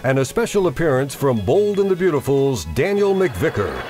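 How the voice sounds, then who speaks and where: A man's voice: medium pitch, big pitch swings, moderate pace. A man reading an infomercial script as a hard-sell ad announcer, with an emphatic promotional delivery over music.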